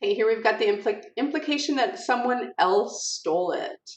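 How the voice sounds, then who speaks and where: A woman's voice: fairly high pitch, expressive, a little fast. A woman teacher giving a recorded lecture in an informal, filler-heavy way, reading example sentences aloud to show word stress. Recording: roomy, distant, dull audio.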